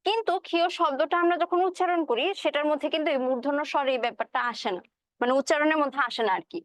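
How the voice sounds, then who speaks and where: A woman with a high voice teaches a class on a poem and how to pronounce it, asking questions and answering them herself. She recites the verse slowly, and the recording is dry.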